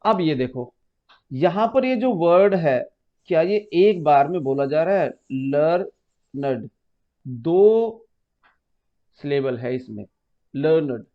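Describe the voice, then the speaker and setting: A man teaching an exam-prep grammar lesson, patiently explaining step by step, repeating key terms and calling students "beta.". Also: a little high. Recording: muffled lo-fi recording.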